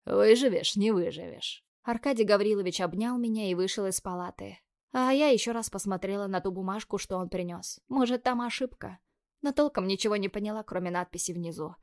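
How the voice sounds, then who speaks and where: A woman's voice: mid-range voice, fairly quick, darkish tone, no echo. Young woman reading a novel in first person with a self-mocking edge, close dry studio mic. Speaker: audiobook narrator.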